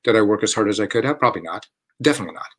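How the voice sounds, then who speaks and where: A man's voice: lowish voice, animated, very fast. A man hosting a casual online chat for a theater company from home. He rambles, corrects himself and chuckles often. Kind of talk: casual live-stream chat.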